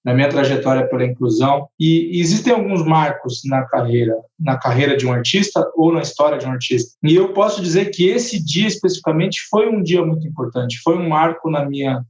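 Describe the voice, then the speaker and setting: Guy chatting about his music, slightly high voice, lots of restarts, dull echoey call sound. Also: expressive, brisk, few pauses, darkish tone. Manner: thoughtful, with frequent restarts. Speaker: rapper and composer guest. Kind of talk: casual panel conversation. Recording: echoey, muffled online call audio.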